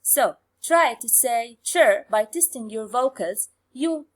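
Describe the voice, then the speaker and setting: A woman teaching English phonics in a bilingual lesson. She explains slowly and repeats key terms. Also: fairly high pitch, lively intonation. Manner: slow, repetitive explanation, switching to quick colloquial Arabic recaps.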